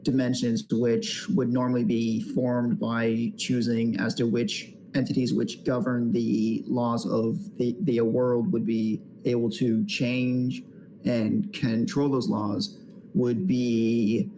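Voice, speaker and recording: Slow, gravelly-voiced male game master. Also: medium pitch, flat delivery, warm tone, a little hiss or hum. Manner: halting, lots of restarts. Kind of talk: explaining a tabletop game.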